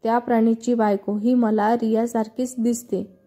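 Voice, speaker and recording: A woman's voice: a little high, little pitch movement, normal speed, warm tone, close to an everyday voice. A woman reading a heartbroken young man in denial. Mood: bewildered. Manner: pleading, bewildered.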